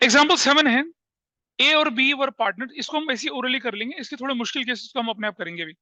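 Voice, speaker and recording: This accountancy classroom lecture features a man with an Indian accent and an extremely high voice that sounds pushed and bright, with a slightly fast pace. He explains step by step, poses rhetorical questions, and blends in English terms, all recorded with no room sound.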